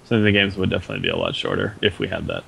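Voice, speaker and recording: A man co-hosting a casual gaming podcast, telling his points in a lively storytelling way. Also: low voice, very fast, vocal fry, breathy edge. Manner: lively storytelling, laughs easily. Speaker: podcast co-host.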